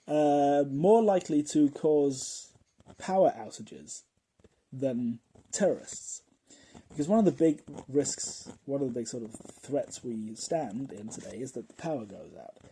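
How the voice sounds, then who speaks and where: A man hosting a podcast in a casual monologue, rambling and chatty, often chuckling and dropping into quiet asides. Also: fairly high pitch, husky, low-quality recording. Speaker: podcast host.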